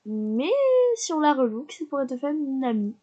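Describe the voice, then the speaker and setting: A woman casually commentating her life-simulation gameplay, chatty and excitable, talking to her characters, sniffly from a cold. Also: high voice, moderate pace, lo-fi sound. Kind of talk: casual let's-play commentary.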